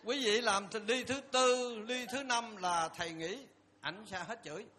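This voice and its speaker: A man's voice: sits high, measured pace, sharp tone, slight background noise. An older man, a Buddhist monk giving a humorous dharma talk and speaking straight to his audience. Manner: joking storyteller, addresses audience directly.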